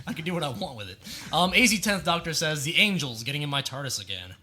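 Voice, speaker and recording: A man's voice: on the high side, sing-song, fast, sharp tone, slight background noise. A man co-hosting a podcast in casual chat, a crude and profane jokester. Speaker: podcast co-host.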